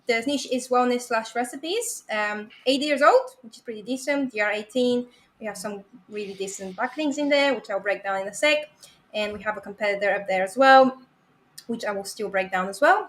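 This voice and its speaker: A woman presenting a domain review on a live show, upbeat and quick to laugh. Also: on the high side, fairly bright tone. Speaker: domain analyst guest. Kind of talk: casual live-stream presentation.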